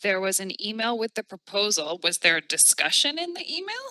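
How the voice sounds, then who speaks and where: Bright, lively-voiced woman pressing pointed questions. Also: mid-range voice, a little fast. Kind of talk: questioning procedure at a public meeting.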